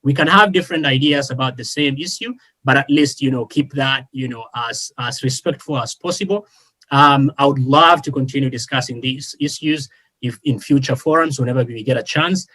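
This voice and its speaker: A man's voice: mid-range voice, moderate pace, bright, forceful tone. A man born and raised in Kenya, speaking as a panelist in an online discussion, earnest, with many fillers and restarts.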